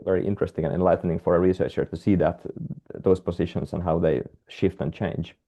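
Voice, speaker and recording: A guest researcher from Finland talks Finnish quickly on a video call during a webinar conversation. His voice is low, mellow, and steady in tone, yet his speech is hesitant, packed with fillers and restarts.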